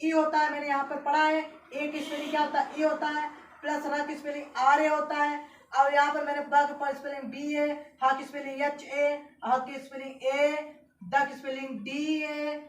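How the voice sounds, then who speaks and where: A woman teacher giving a classroom lesson, spelling out letters slowly and often checking that her students follow. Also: sits high, completely flat delivery. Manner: repetitive, keeps checking students understand. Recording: echoey room from far off, faint hiss.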